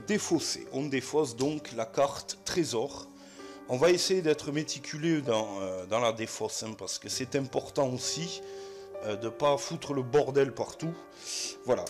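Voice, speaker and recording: A man with a southwest French accent, narrating a solo board game in a chatty way, full of fillers. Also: mid-range voice. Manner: chatty, many fillers, addresses viewers as friends.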